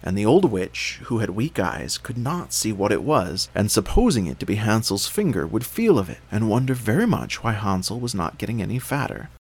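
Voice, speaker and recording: A man reading a fairy tale aloud as a father, in a measured, steady storytelling voice. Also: on the low side, slightly rough.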